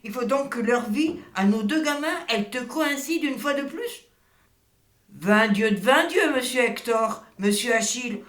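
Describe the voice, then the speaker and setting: A woman's voice: on the high side, lively intonation, measured pace, fairly bright tone. Woman playing polite but outspoken older lady in a theatre comedy, wordy, echoey room. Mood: exclaiming.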